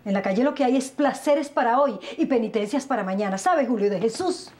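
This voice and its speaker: A woman's voice: fairly high pitch, expressive, a little fast, close to an everyday voice. An actress playing a suspicious wife who lectures her husband reproachfully, in a telenovela. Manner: sharp, reproachful, moralizing. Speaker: wife Rafaela. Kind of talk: telenovela acting.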